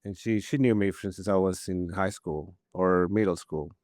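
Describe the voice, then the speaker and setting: A man in his 50s from Peru, a poet and native Spanish speaker, guests on a podcast for a casual storytelling interview. His deep, smooth voice runs at normal speed as he rambles animatedly, often restarting. It's a clean studio recording with no room sound.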